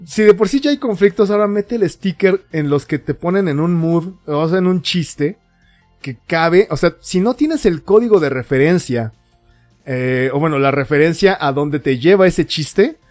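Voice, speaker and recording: Slightly drunk, this young podcast co-host with a Mexican Spanish accent chats casually, speaking freely, laughing a lot and acting out the texts he quotes. His voice is a little high and a little mellow, animated at a moderate pace, with faint music behind him.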